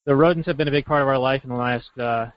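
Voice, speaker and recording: A man's voice: mid-range voice, racing, clean tone, highs cut off. A man co-hosting a podcast, easing into a personal story in casual chat with some fillers. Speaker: podcast co-host.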